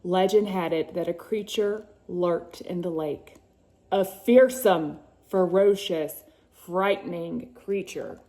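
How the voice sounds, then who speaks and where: A mom reads a picture book to her sons slowly and theatrically, heightening suspense, often drawing out words, and pausing for chatty asides. Her voice is on the low side and mellow.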